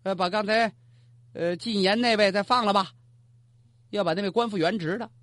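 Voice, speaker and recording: A man's voice: high-pitched, moderate pace, a bit bright, no room sound. A man doing a flustered dutiful emperor. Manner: flustered, apologetic. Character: anxious young male emperor, dutiful son.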